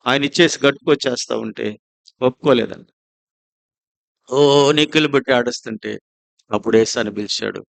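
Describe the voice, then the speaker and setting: A man's voice: medium pitch, normal speed, gravelly, pauses often, dry recording. A pastor with a Telugu accent preaching to his congregation, asking them many rhetorical questions. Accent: Telugu, Andhra Pradesh. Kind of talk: sermon. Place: prayer house.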